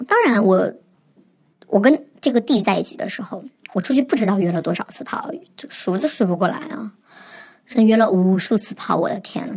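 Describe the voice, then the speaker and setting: A woman's voice: mid-range voice, darkish tone. A woman in her twenties, speaking through a voice-changer, telling her own story frankly and sometimes dropping to a whisper. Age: 20s. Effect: voice-changer disguise. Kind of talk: candid personal storytelling.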